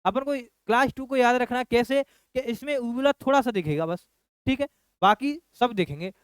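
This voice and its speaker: A man's voice: very high voice, moderate pace, clear, resonant tone, no echo. A man teaching a nursing lecture who repeats key phrases and keeps asking his class rhetorical questions. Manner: addresses students as children. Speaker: nursing coach.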